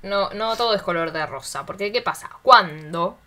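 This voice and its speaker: A woman's voice: mid-range voice, normal speed. A young woman with an Argentine accent, chatting casually about a film and acting out the characters' lines as she retells the scenes. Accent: Rioplatense Spanish. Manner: animated retelling, acts out quotes, fillers like tipo. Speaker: film discussion co-host. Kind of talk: casual chat recapping a film.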